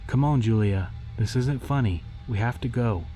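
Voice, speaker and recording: A man's voice: mid-range voice, normal speed, dark tone, lightly acted. A man voicing an exasperated young aunt in a horror story, coaxing and scolding her niece. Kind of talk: acted dialogue in horror story narration. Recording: music behind the voice.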